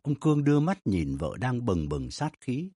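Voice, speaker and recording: A man narrating a family story in an expressive, dramatic reading style. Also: mid-range voice, normal speed.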